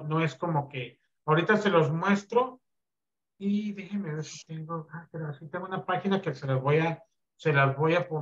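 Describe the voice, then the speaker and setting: A man teaching a basic computer class over a video call, relaxed, with many fillers and check-in questions. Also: on the high side, muffled recording.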